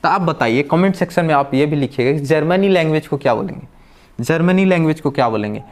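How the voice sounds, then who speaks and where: A man's voice: on the high side, animated, quick pace. A man teaching a vocabulary lesson who keeps asking questions and answering them himself, explaining patiently step by step. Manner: drills with repeated questions and answers. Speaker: language teacher. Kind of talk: classroom-style vocabulary lesson.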